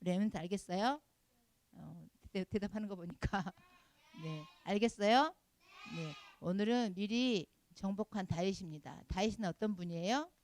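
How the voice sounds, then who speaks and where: A woman's voice: mid-range voice, moderate pace, darkish tone, a little hiss or hum. A middle-aged woman leading a children's Sunday school sermon, emphatic and scolding, asking the class rhetorical questions. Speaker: Sunday school department head preaching.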